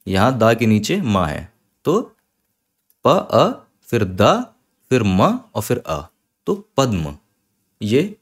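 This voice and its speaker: A man teaching an online Sanskrit lesson, patiently spelling words out slowly, sound by sound. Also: on the low side.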